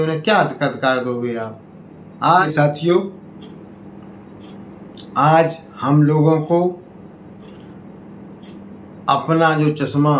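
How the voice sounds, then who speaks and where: Slow, emphatic male political speaker. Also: a little hiss or hum. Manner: slow, emphatic oratory that swings between raised appeals and low warnings. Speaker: party state president. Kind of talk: political speech to community members. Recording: echoey room, faint ambience.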